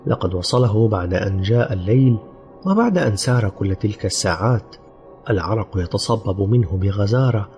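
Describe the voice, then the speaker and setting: A man giving a grave, dramatic reading of a dark story as an audiobook narrator. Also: fairly low pitch, muffled recording. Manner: grave storytelling, sometimes voicing characters.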